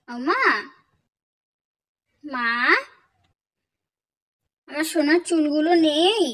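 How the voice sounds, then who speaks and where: A young mother teasing and coaxing her baby in playful, sing-song baby talk. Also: high voice.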